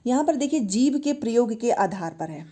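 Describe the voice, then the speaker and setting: Female grammar tutor, fairly high, warm tone, coaxing students to say sounds back. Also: animated, moderate pace. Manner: explains step by step, asks and answers own questions; has students repeat sounds aloud. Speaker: Hindi grammar teacher. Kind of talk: online exam-prep lesson.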